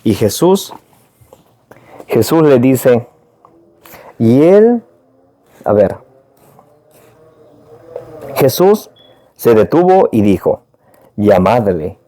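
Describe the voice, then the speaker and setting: A man's voice: very animated, extremely slow, long pauses. A man preaching a gospel reflection, often restarting phrases with fillers and lifting his voice when quoting cries. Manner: frequent fillers and repeated restarts; raises pitch when quoting shouts.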